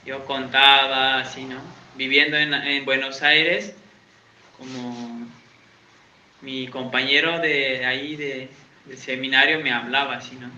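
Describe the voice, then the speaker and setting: A man's voice: medium pitch, level tone, takes it slowly, bright, forceful tone, a little hiss or hum. A man, an evangelical pastor preaching a chatty sermon in a church, quizzing his congregation and joking about himself. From Santiago, Argentina. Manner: chatty, quizzes the congregation, self-mocking humor. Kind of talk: conversational sermon. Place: church in Uruguay. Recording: echoey church, dull lo-fi sound.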